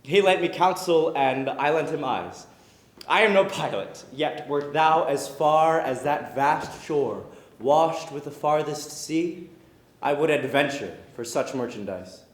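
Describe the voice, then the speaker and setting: Man acting Romeo, high-pitched swooning young lover. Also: expressive, unhurried, roomy sound. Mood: ardent, adoring. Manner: impassioned, swooning verse delivery. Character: Romeo, ardent, dreamy, lovestruck young suitor. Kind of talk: theatrical Shakespearean stage acting.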